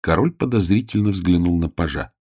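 A man narrating a fairy-tale audiobook in a lively, expressive storytelling manner. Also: low-pitched, brisk, husky, dry recording, studio quality.

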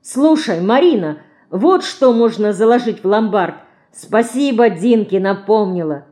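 A woman's voice: medium pitch, expressive, unhurried, voice pushed up, close to an everyday voice. A woman voicing a practical, decisive aunt who speaks firmly and sharply in an audiobook. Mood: scolding. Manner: firm, sharp-tongued.

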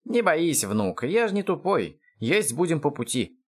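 A man's voice: on the high side, very animated, unhurried, slightly rough, voice pushed up, heavily acted. A man voicing a greedy, cheeky old grandfather in an audiobook who talks brashly while chewing. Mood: teasing.

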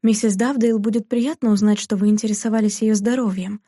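A woman's voice: fairly even intonation, fairly quick, dark tone, dry recording, studio quality, natural voice. A woman reading aloud, voicing a stingy, domineering elderly aunt who fusses and complains. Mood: bossy fretful. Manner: shrill, fretful and bossy.

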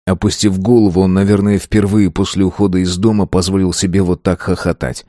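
Low male voice reading an audiobook, steady and measured, very dry close sound. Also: no room sound. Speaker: audiobook narrator. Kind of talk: scripted narration.

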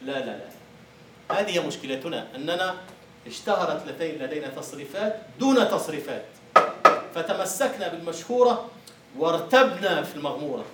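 A man's voice: on the high side, lively intonation, fairly quick, noisy background. A male university lecturer teaching a class, explaining by asking the students questions and answering them himself. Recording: echoey room from far off.

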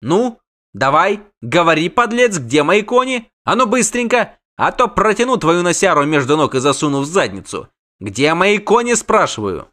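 A man reading the part of a hot-tempered male halfling merchant who shouts and curses indignantly. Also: fairly high pitch, sing-song, normal speed, hardly any pauses, voice pushed up. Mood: blustering.

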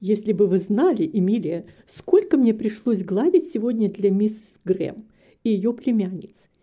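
A woman's voice: fairly high pitch, expressive, moderate pace, dark tone, lightly acted. A woman reading a storybook aloud, voicing a flustered, overworked middle-aged housekeeper who frets and complains. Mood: fretful. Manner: fretful, complaining, sighing.

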